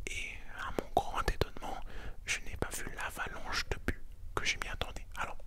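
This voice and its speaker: A man whispers softly and intimately, right in the listener's ear, as he hosts an ASMR sports debrief. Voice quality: soft unvoiced whisper throughout. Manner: close, intimate, right-in-your-ear delivery. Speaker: ASMR video creator and host.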